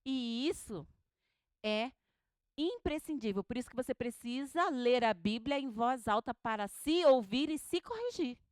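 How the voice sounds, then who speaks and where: A woman teaching a homiletics class, animated and questioning, who drills words syllable by syllable with her students. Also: a little high, unhurried, no room sound. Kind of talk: classroom lecture.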